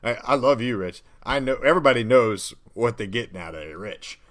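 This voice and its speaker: A man's voice: mid-range voice, lively intonation, brisk, a bit bright. Rambling, self-deprecating male co-host. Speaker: podcast co-host. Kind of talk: casual brainstorming chat.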